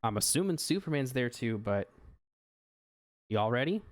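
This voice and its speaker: A man voicing a male speedster hero who rounds up the team in a quick, casual way. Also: medium pitch, very animated, no room sound, studio quality, lightly acted. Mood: brisk.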